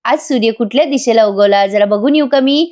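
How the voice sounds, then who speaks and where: A woman's voice: a little high, fairly quick, darkish tone, lightly acted. A woman reading as a sarcastic young man.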